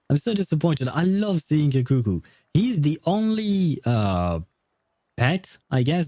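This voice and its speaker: Over faint game music, a streamer chats and comments casually as he plays, rambling informally and swearing mildly. His voice is medium-pitched and mellow, and his indoor streaming setup sounds dry.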